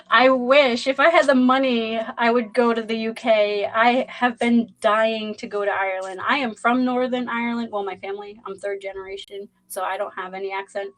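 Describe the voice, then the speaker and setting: Hosting a zodiac reading livestream, this tarot reader from Boston talks in a loose, filler-heavy way and says hello to people in the chat, her Boston accent clear. The rough recording captures a voice on the high side, steady and fairly bright, at a moderate pace.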